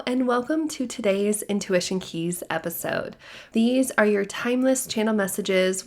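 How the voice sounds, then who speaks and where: A woman's voice, hoarse from a lingering cold, with a gravelly, fry-laden edge. She talks softly and steadily, guiding the listener through a soothing spiritual monologue as a podcast host, neither high nor low in pitch. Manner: calm, soothing, measured delivery. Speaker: podcast host sharing channeled messages. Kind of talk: gentle spiritual guidance monologue.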